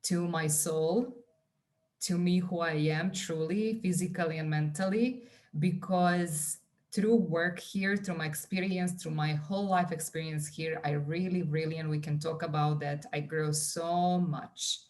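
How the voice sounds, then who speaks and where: A woman's voice: low voice, steady tone, a little slow, a little mellow. A woman in her forties with a Serbian accent, a wellness coach talking earnestly as a podcast guest with many fillers and restarts. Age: 40s. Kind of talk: conversational podcast interview.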